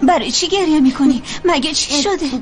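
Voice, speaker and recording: Give me a woman voicing a gentle daughter in a dubbed drama, high and soothing. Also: soft background music, natural voice. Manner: soothing, pleading. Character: caring adult daughter, soothing.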